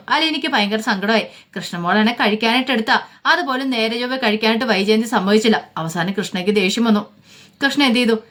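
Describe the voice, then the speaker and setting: Woman storyteller voicing a whole family. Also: fairly bright tone. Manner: voices each family member with small pitch shifts. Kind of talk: storytelling narration with voiced dialogue.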